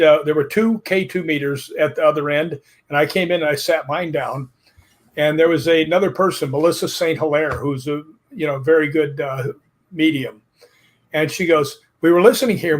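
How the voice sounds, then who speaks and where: A man chatting as a guest, telling stories at length and acting out what others said. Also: on the high side. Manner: storytelling, quotes others in lively asides. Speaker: podcast guest. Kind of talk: casual chat.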